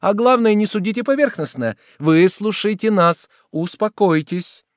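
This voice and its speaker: A man reading as a young noble lady in an audiobook, pitched far above his own voice. She pleads in alarm, her high voice rising and falling a lot. The recording is dry and close. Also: big pitch swings, brisk, a little mellow, no echo. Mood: pleading.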